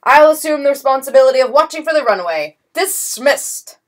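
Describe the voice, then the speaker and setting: Lady reading as a puffed-up swindler count, bossy and blustery, kinda high voice. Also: lively intonation, brisk. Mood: commanding. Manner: pompous, blustering, commanding. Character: blustering swindler count, grown man, bold. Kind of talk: audiobook character voice.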